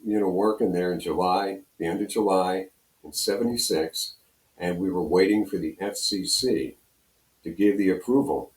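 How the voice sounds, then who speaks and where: Here the voice is low and a little mellow. The speaker, an older American radio program director and on-air personality from Pennsylvania, wanders casually through anecdotes as an interview guest, and the recording carries a roomy echo.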